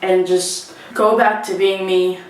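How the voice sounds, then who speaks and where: A woman's voice: medium pitch, fairly even intonation, takes it slowly. A woman in her twenties talking in a candid, rambling, casual confessional way, recorded in an echoing bathroom. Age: 20s. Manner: rambling, candid, freely swearing. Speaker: vlogger. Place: small indoor bathroom. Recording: very echoey bathroom, distant mic.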